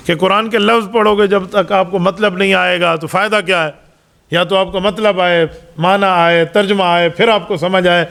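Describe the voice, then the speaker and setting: A man's voice: high-pitched, vocal fry, fairly bright tone. A middle-aged male mufti giving a Ramadan Quran lesson sermon, telling religious stories, acting out the dialogue and explaining points with emphasis. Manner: storytelling, acts out quoted dialogue. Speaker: mufti, Islamic preacher.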